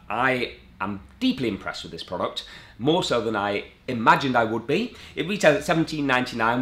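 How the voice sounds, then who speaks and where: Lively, bright-voiced man reviewing. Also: medium pitch, echoey room. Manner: chatty, rambling, enthusiastic asides. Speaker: magic product reviewer. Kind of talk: casual video review.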